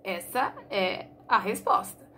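A woman's voice: mid-range voice, takes it slowly, fairly bright tone, slight background noise, voice pushed down. A woman voicing a loyal young woman who speaks firmly and plainly in a told story. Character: firm, loyal young woman caring for her brother.

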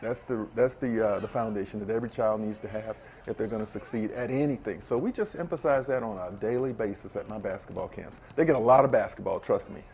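A middle-aged man, a former player, chatting as a guest on a TV sports show, explaining his views in a measured way with examples. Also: on the low side, darkish tone, slight background noise. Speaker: guest, former basketball player and camp director. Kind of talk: casual studio chat. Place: TV sports studio set.

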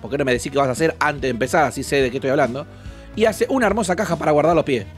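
A man with an Argentine Rioplatense accent hosting a reaction video, crude and mocking, jumping between shouts and mutters. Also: fairly high pitch, rapid-fire, faint music behind. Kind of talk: casual reaction commentary.

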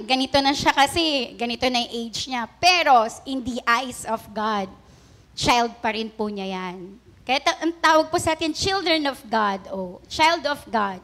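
High-voiced woman pastor preaching. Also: a bit bright. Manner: conversational, frequent "po" and "di ba" asides. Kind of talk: Taglish sermon.

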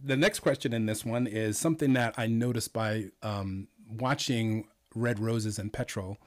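A man's voice: fairly low pitch, measured pace. A man hosting an online interview, friendly and full of praise, with hesitant fillers. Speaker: interview host. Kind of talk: casual interview.

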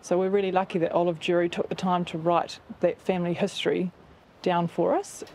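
A woman's voice: fairly low pitch, flat delivery, a little fast, darkish tone, slight background noise. A young woman with a New Zealand accent, a farmer talking earnestly and chattily in a documentary interview. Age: young adult. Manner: earnest, chatty, with fillers like "like" and "actually". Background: background music.

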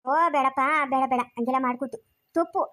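A woman performs a comic family skit as a sharp-tongued old village grandmother who is fiercely protective and always spoiling for a fight. Her rural Chikkaballapur Kannada accent comes through in a very high voice that rattles along briskly. She sounds coaxing, yet scolds and quarrels in rapid-fire speech.

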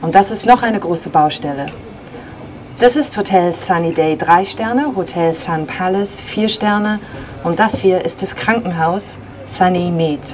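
A woman's voice: lowish voice, unhurried, darkish tone, slight background noise. A woman pointing out places along a street, plainly listing hotels and their star ratings.

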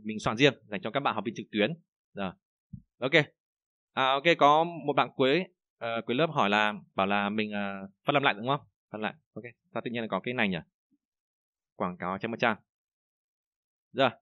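A man's voice: mid-range voice, dry recording, highs cut off. A young man with a Vietnamese accent teaching an online Chinese class, chatty and full of fillers and repeated words. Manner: slow, loud model readings of Chinese phrases.

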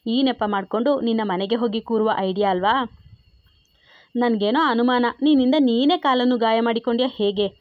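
A domineering young husband who teases and bosses his wife, voiced by a woman narrator in a read-aloud love story. The voice sits fairly high, with a dry, close sound. The recording is a little dull. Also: moderate pace, no echo, natural voice. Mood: bossy. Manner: teasing, bossy.

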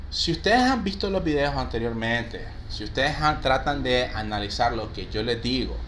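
Upbeat bilingual teacher, quick praise for students, faint noise behind. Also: male voice, medium pitch. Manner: lively, mixes Spanish and English, praises students often. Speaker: English teacher for call center agents. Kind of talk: live online class, reading out student answers.

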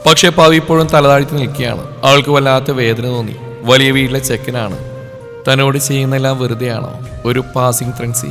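A man's voice: mid-range voice, fairly even intonation. Man narrating a dramatic romance story. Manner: emotive, dramatic reading with short pauses. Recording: long reverb over soft background music.

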